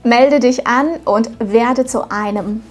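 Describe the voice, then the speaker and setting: A woman in her thirties, a non-native German speaker, hosts a channel teaching German. Speaking slowly in a fairly high voice with faint music behind, she delivers a scripted lesson to camera from her home studio, upbeat and encouraging as she addresses viewers directly.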